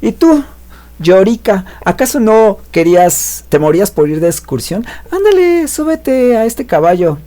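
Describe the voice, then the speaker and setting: A man voicing a bold, teasing young blonde woman in a retold story, with a shrill, mocking manner. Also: sing-song, a little slow, dark tone.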